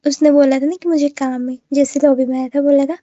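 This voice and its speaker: A woman's voice: high voice, level tone, quick pace, warm tone, no room sound, highs cut off. A woman telling a story to her viewers in a casual, rambling way, full of fillers and restarts, often speaking to the listener directly. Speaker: gamer recounting an online incident.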